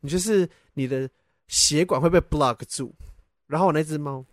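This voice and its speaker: A man's voice: a little high, moderate pace, no echo, clean studio sound. A man co-hosting a casual chat podcast, dramatically retelling a story with laughs and the odd swear. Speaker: podcast co-host.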